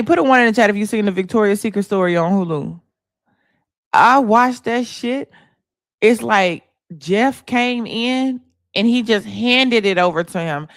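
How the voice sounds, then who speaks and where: A woman hosting a livestream, telling stories in a loud, laughing, profane way. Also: medium pitch, no echo, clean studio sound. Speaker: livestream host. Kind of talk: casual livestream chat.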